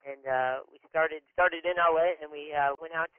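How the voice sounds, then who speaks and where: A man in his twenties from Nebraska, a band member chatting relaxed and friendly in a phone interview, with many fillers. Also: a little high, normal speed, clean tone, no room sound. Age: 20s. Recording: tinny phone line.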